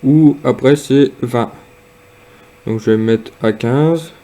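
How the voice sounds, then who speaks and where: A man casually demonstrating and reviewing a piece of gear, speaking hesitantly with frequent pauses and fillers. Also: mid-range voice, mellow. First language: French. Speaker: product reviewer.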